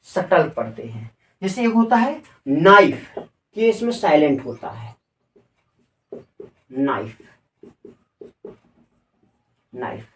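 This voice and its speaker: A man's voice: high voice, very animated, unhurried, roomy sound, recorded from a distance, slight background noise. Man teaching grammar, off-mic. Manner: spells words out letter by letter and asks rhetorical questions. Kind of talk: classroom lecture.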